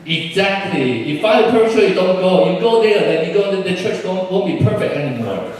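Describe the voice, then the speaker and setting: A man's voice: sits high, big pitch swings, a little fast. A man from Taiwan preaching a sermon as pastor, speaking English as a second language and putting questions to the congregation. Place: large church hall. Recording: echoey church hall from far off.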